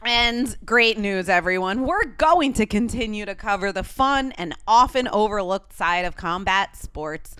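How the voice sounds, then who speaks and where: Lively, teasing female podcast co-host. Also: medium pitch, clear, resonant tone, no room sound. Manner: playful, teasing, profane. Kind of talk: casual chat.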